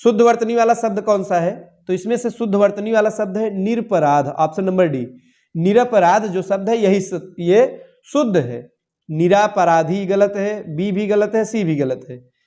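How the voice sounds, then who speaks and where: A man's voice: sits high, unhurried, dark tone. A young man teaching, working through exam questions and answering his own questions aloud. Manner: addresses listeners as "saathiyon", asks and answers his own questions. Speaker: Hindi exam tutor. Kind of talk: explaining quiz answers.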